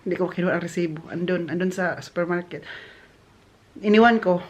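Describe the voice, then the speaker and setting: A woman's voice: lowish voice, fairly quick, a little mellow, slight background noise. A woman from the Philippines chatting casually to her viewers in a home vlog, often laughing and dropping English words into her talk. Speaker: vlogger. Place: home in Germany, indoors and outdoors.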